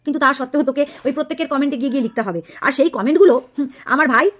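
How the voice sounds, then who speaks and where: Woman vlogger with a high voice, scolding and mocking a rival straight to camera. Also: rapid-fire, a bit bright. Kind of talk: angry direct-to-camera rant.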